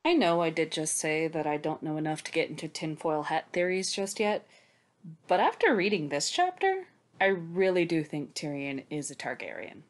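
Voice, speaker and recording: This woman has a deep, expressive voice and speaks at a moderate pace while co-hosting a podcast about books. She recaps with sarcasm and emphasis, swearing casually, in a way that sounds scripted.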